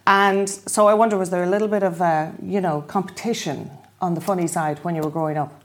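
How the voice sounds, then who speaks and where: Lower-pitched Irish woman interviewing. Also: fairly even intonation, brisk. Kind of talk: casual podcast interview.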